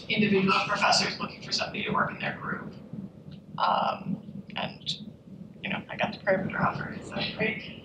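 A woman postdoc on a panel, giving casual career advice with many "um"s and "like"s. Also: mid-range voice. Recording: echoey room, distant mic, noisy.

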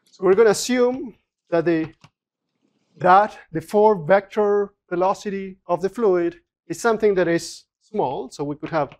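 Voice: mid-range voice, a little slow, darkish tone. A physics lecturer giving a university lecture, explaining step by step with frequent restarts and fillers. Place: lecture room.

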